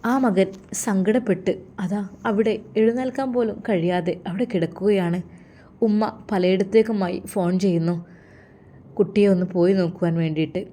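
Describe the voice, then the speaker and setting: Woman narrator, earnest storytelling, mellow tone. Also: medium pitch, normal speed, slight background noise. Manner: emotive, earnest.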